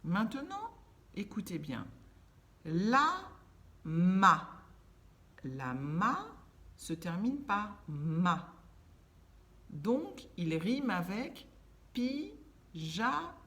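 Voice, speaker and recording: A woman teaching young children, speaking slowly and carefully, drawing out words so they can hear each sound. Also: mid-range voice, huge pitch swings, a bit bright. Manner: slow, carefully enunciated, stretching words for children. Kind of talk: children's lesson.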